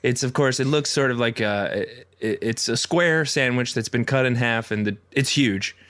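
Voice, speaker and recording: A hesitant on-course golf reporter who rambles and fills his pauses in parody sports commentary, played by a man. His voice sits at an ordinary pitch, and the sound is dry and close. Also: a bit bright, dry recording, natural voice.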